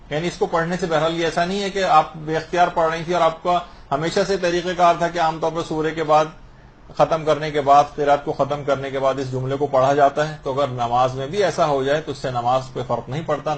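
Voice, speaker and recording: A man with a Pakistani Urdu accent, a religious scholar teaching prayer rules by posing common questions and answering them. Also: fairly high pitch. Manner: explains through questions and answers.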